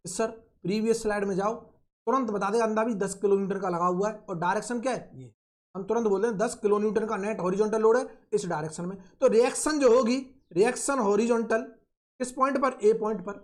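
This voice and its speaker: A man's voice: sits high, darkish tone. A man teaching engineering in a recorded online lecture, drawing out and repeating key phrases and asking and answering his own questions. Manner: slow, drawn-out repetition of key phrases. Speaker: engineering tutor.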